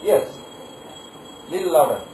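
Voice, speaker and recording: A man's voice: on the high side, expressive, a little slow, dark tone. A man preaching a devotional sermon to a live audience, often quizzing the listeners with questions. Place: large gathering hall. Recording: echoey hall, distant mic, faint noise.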